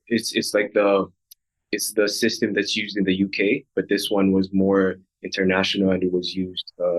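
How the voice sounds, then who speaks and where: A man's voice: low-pitched, rough recording. A young man from Rwanda, a recent graduate speaking as a podcast guest, thoughtful and full of fillers and restarts. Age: young adult. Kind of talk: podcast interview.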